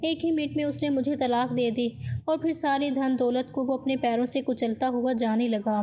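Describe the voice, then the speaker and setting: A woman narrating a dramatic first-person story in an emotional, expressive way. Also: high voice, a little hiss or hum.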